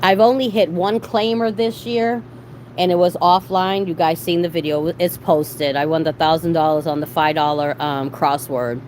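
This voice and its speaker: A middle-aged livestream host from Boston, USA, chats casually with her live viewers in a fairly low, darkish voice, using salty slang and swearing freely. She keeps a steady tone at a moderate pace, and there is clear background noise.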